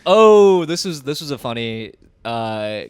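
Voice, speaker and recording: A man's voice: medium pitch, big pitch swings, takes it slowly, smooth, no echo. A man co-hosting a podcast, telling stories in a rambling, casual way full of fillers and laughter. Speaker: podcast co-host; stand-up comedian. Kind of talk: casual chat.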